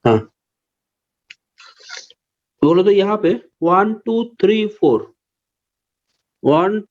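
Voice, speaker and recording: Slow, patient male maths teacher. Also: high-pitched, lively intonation, narrow, tinny audio. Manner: slow, patient questioning of students. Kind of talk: online maths class.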